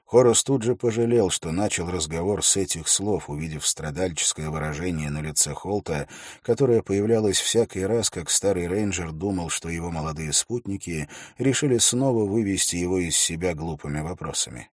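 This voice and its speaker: A low-voiced man narrates an audiobook in a measured, even storytelling style. The sound is clean studio audio with no echo.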